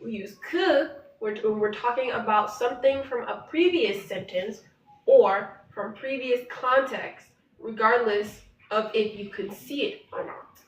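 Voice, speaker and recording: A woman's voice: on the high side, unhurried. A woman co-hosting a casual live study session, reading her notes aloud and laughing off her slips. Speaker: co-host studying Korean. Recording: roomy, distant, dull and slightly noisy.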